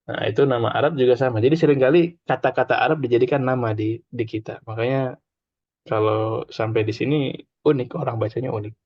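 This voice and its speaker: A man's voice: mid-range voice, fairly even intonation, fairly quick, breathy edge, no room sound. A man teaching an informal Arabic class, chatty, explaining with examples and having students repeat after him. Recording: dull lo-fi dry recording.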